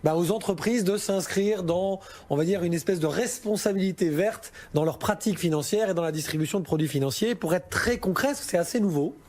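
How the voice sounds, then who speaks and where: A man's voice: high-pitched, brisk, darkish tone. A man working as a financial adviser, explaining investments on a listener question show in a chatty, informal way with frequent hesitations.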